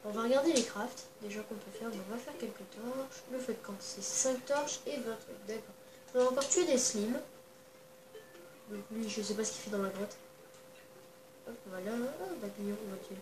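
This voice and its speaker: A woman, quietly talking through a video game in a rambling casual way, full of hesitations. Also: medium pitch, moderate pace, noisy background. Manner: talks quietly, holding her voice down at night. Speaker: gaming channel host. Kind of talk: casual let's-play commentary. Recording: echoey room, distant mic, game music behind.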